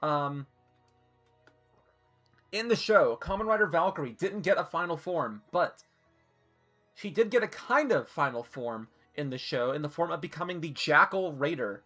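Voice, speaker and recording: A woman's voice: sits low, expressive, normal speed, pauses often, fairly bright tone, faint music behind. A woman live-streaming, chatting casually and swearing freely while she ranks costumes, hiccuping and a little flustered.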